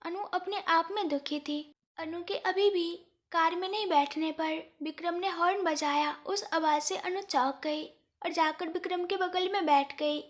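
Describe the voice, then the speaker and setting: Very high voiced lady reading a story, steady plain narration. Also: measured pace.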